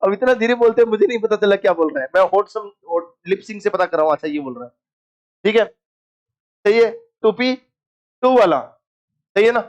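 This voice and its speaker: A man's voice: sits high, animated, brisk, long pauses, dull audio. A male chemistry teacher lecturing a class, asking his students questions, answering them himself and joking with them.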